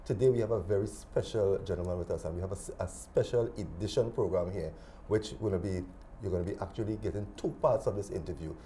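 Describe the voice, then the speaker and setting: A man hosting a studio TV interview, formal and welcoming, with soft humming acknowledgements. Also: sits low, fast, slight background noise. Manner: formal, welcoming, with filler hums. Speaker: TV talk show host.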